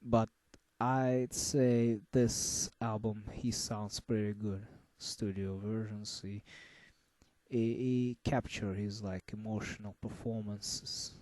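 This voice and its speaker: A man giving a casual album review, halting and full of fillers and restarts. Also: on the low side, steady tone, darkish tone, no echo. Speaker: music reviewer.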